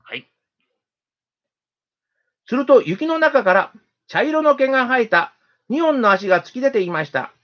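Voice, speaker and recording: A storyteller reading a children's story aloud in a gentle, steady, expressive manner. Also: medium pitch, a little slow, long pauses. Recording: dull lo-fi recording.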